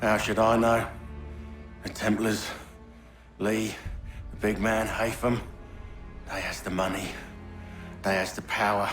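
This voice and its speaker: A cynical colonial lowlife in a game, defiant and unrepentant. His voice sits fairly low, with coarse, scornful phrasing over faint music. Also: little pitch movement, takes it slowly, long pauses, fairly bright tone. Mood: defiant indifference. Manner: coarse, scornful, folksy grammar.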